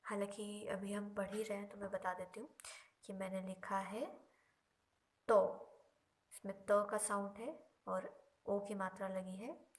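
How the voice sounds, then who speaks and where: Slow, patient woman teacher. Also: medium pitch, fairly even intonation. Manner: slow, patient explaining with drawn-out examples. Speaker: language teacher. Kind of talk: Korean lesson explained in Hindi.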